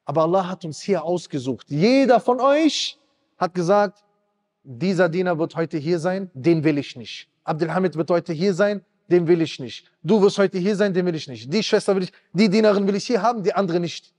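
A man's voice: normal speed, a little mellow. Impassioned preacher man in a reverberant hall. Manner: impassioned, rising to high pleading cries. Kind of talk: emotional sermon.

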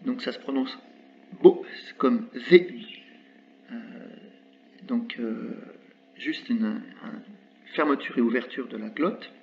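A man explaining Arabic letters in French, patiently repeating example words slowly with small hesitations. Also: medium pitch. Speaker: Arabic teacher. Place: indoors with birds audible outside. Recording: slightly dull recording with faint background noise.

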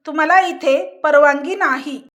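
A woman's voice: high voice, a little slow, a bit bright. A woman voicing a firm young nurse.

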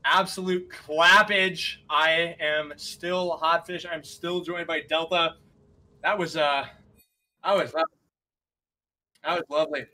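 Bright-voiced, upbeat male esports caster. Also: on the high side, slow, pauses often, rough recording. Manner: energetic, rambling with many fillers. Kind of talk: live esports commentary.

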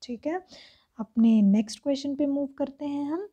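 A woman teacher, reading exam questions aloud slowly and explaining each answer step by step. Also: high-pitched, mellow, highs cut off. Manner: slow, reads English questions aloud word by word then explains in Hindi. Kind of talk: exam-prep lesson.

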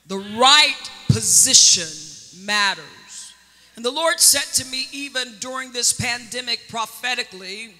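A high, pushed, bright female voice fills a church sanctuary with long reverb. She is a prophetess giving a sermon, dramatically drawing out key words and inviting the congregation to call back in response.

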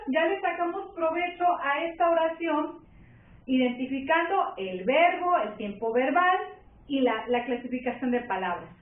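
A woman with a Mexican accent teaching a primary school grammar lesson, patiently checking in with her pupils. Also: high voice. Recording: tinny distant echoey room.

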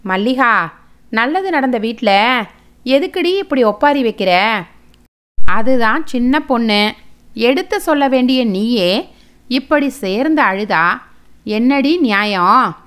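Woman doing a reproachful storybook father, firm and slow, lightly voiced. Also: on the high side, animated, fairly bright tone, clear, resonant tone. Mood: stern. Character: stern middle-aged father scolding his wife.

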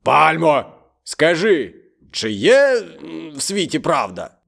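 Man voicing a menacing male tiger, gravelly growl, very slow drawl, storybook reading, soft music behind. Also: fairly high pitch, big pitch swings, pitched above the performer's own voice, exaggerated voice. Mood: gloating. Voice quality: growly, drawn-out. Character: ungrateful hungry male tiger, gloating and menacing.

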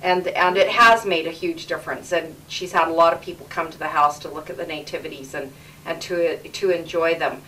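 A woman's voice: low voice, steady tone, brisk, bright, forceful tone, distant mic, a little hiss or hum, poor audio. A middle-aged woman from Canada hosting a casual home interview with her parents, chatty and repeating words for emphasis, recorded as old camcorder audio.

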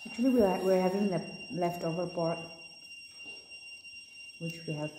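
A woman's voice: fairly low pitch, normal speed. A woman chatting casually while eating, talking with her mouth full and mixing in a second language. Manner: mixes English and Vietnamese, relaxed eating talk. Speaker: vlogger eating on camera. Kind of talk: casual mukbang chat. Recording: echoey room with clear background noise.

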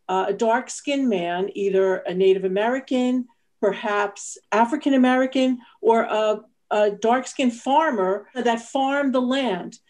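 A park interpreter explains some history informally while on a video call from indoors at home. She has a mid-range, slightly mellow voice, captured through a video call mic.

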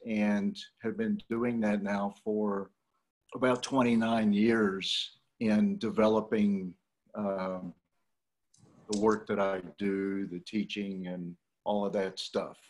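A man who teaches voice and sound work, introducing himself earnestly on a video call. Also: fairly low pitch. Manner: unhurried, earnest.

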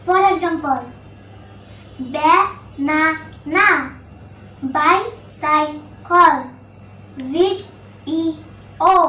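Brief: very high, slow-paced woman teaching a lesson, set back from the mic in an echoey room. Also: far from the mic, slight background noise. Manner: spells out examples word by word. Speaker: channel host teaching grammar.

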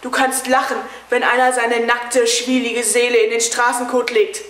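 A woman's voice: a little high, flat delivery, moderate pace, fairly bright tone, lightly acted. A woman playing a bitter, war-maimed husband, declaiming with brooding scorn on a stage. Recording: roomy hall echo.

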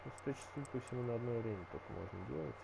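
A man hosting a gaming video with casual, halting commentary, thinking aloud in an informal way. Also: mid-range voice, vocal fry. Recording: loud game music behind.

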